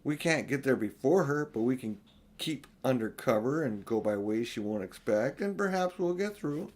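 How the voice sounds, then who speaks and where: Storybook mother beaver, played by a man: homely, unflappable, fussing others along, gently scolding. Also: mid-range voice, lively intonation, normal speed, close to an everyday voice. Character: bustling, unflappable motherly female beaver wife.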